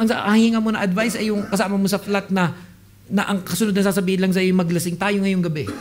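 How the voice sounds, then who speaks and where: Late-20s male pastor, high voice, expressive sermon storyteller. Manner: animated storytelling, mixing Tagalog and English, acting out quoted people.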